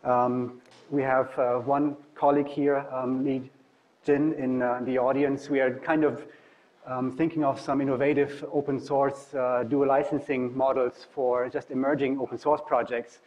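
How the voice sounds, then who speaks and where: A German university professor, appearing as a guest speaker, gives an informal technical talk in a German accent. His medium-pitched, darkish voice has little pitch movement and a measured pace, and the sound is lo-fi.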